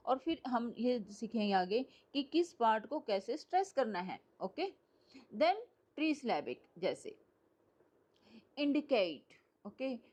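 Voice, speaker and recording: A woman's voice: fairly high pitch, darkish tone. A woman giving a lecture to a class, explaining step by step and often checking whether students follow. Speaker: English teacher. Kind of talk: classroom lecture mixing Hindi and English.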